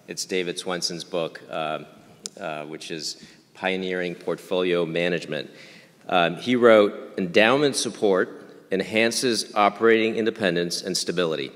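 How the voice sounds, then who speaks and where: Moderating a panel at a reunion event hall, a man in his fifties gives the introduction with hesitant restarts. He has a low, slightly bright voice, and the hall sounds echoey.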